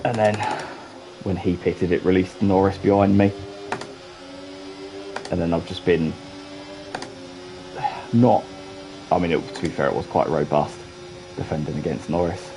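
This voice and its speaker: A man's voice: sits low, fairly even intonation, a little slow, long pauses, over music, poor audio. A man giving casual, chatty commentary while streaming a racing game, with dry asides.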